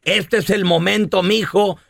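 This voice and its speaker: A man voicing a patient father who gently lectures his young son. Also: high-pitched, steady tone, unhurried, creaky, a little hiss or hum, full character voice. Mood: fatherly.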